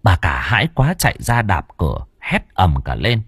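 Expressive male storyteller with a husky voice. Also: low-pitched, moderate pace, no room sound, studio quality. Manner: expressive, dramatic. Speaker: audiobook narrator. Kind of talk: dramatic storytelling.

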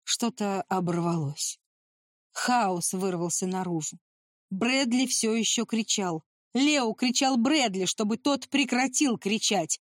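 A woman's voice: medium pitch, slow pace, no echo, studio quality. Woman narrating a tense audiobook.

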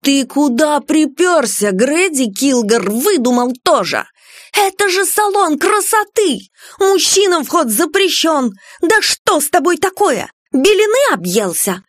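A woman voicing an outraged, bossy beauty-salon owner who shouts and scolds in a high voice. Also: big pitch swings, unhurried, no echo, studio quality.

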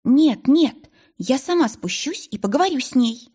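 A woman reading an audiobook, voicing a gentle, tearful young lady of good family with a raised, emotional voice. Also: high-pitched, animated, moderate pace, breathy edge, voice pushed up. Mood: distressed. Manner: emotional, pleading.

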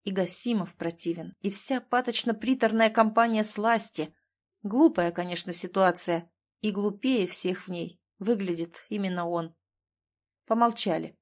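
A woman narrating a novel in a steady storytelling manner. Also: medium pitch, unhurried. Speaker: audiobook narrator. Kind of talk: scripted narration.

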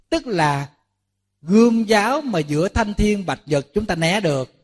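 A man's voice: fairly high pitch, husky. A man, a Buddhist monk giving a sermon to a lay audience, telling stories, acting out dialogues and asking rhetorical questions. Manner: lively storytelling, acting out dialogues with listeners.

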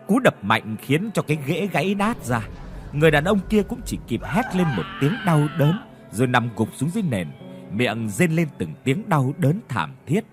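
A man's voice: fairly high pitch, sing-song, normal speed, faint music behind. A man narrating a horror story with dramatic delivery. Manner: dramatic, voices characters' cries.

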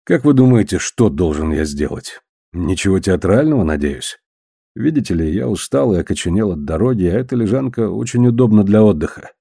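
A man reading the part of a calm, ironic man who speaks softly and slowly in an audiobook. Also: low voice, creaky, breathy edge, no room sound, studio quality, exaggerated voice. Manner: soft and slow-spoken. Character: calm ironic man, gentle, quietly menacing.

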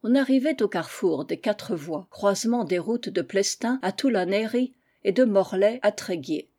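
A woman reading a literary tale aloud as an audiobook, calm and measured. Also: medium pitch. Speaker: audiobook reader.

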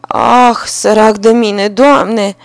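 A woman's voice: medium pitch, no echo, close to an everyday voice. A woman voicing a ruined, angry peasant carter who wails over his losses in a storybook reading. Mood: lamenting. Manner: wailing laments, loud.

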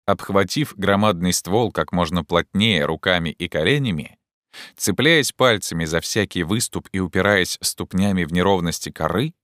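A man narrating an audiobook in a measured storytelling manner. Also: low voice, a bit bright, no echo, clean studio sound. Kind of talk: scripted narration.

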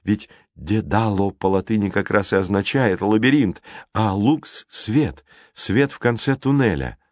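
A man voicing an excitable young girl. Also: lowish voice, unhurried, dry recording, lightly acted. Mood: explaining. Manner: excited, breathless exclamations.

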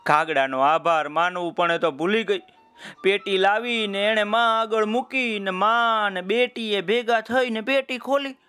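A man narrates a children's folk tale in a lively, folksy manner and often turns to his listeners with chatty asides. His voice is high-pitched and bright. Faint music plays underneath. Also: measured pace, smooth. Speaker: storyteller.

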